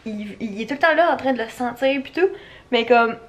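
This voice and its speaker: A woman's voice: on the high side, a little fast. A Québécois woman casually vlogging at home on her couch, chatty, laughing often and cooing at her dog. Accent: Québécois French. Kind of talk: casual home vlog talk.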